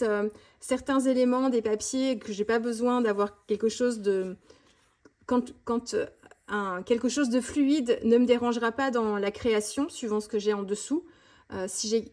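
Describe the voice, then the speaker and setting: A woman vlogger chatting fast and casually about her art supplies, with many fillers and restarts. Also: fairly high pitch, a little mellow. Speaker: mixed-media art vlogger. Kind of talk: casual tutorial chat showing art supplies.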